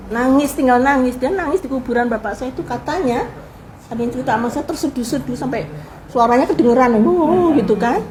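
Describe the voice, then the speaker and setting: An older woman, a guest in an interview, telling family history in a lively way and acting out the people she quotes. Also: high voice, quick pace, slight background noise, rough recording. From Indonesia. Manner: animated storyteller who acts out quoted people. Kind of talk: casual spoken reminiscence.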